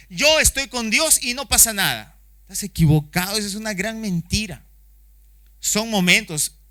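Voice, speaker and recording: A man's voice: fairly high pitch, sharp tone. A man with a Chilean accent preaching a sermon at a church service, impassioned and acting out the voices of people he quotes. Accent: Chilean Spanish. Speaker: pastor.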